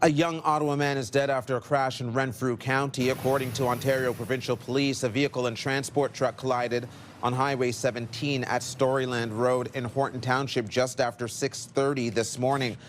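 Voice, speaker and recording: A man's voice: mid-range voice, little pitch movement, brisk. Canadian male news anchor, faint background noise. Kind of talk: scripted news narration.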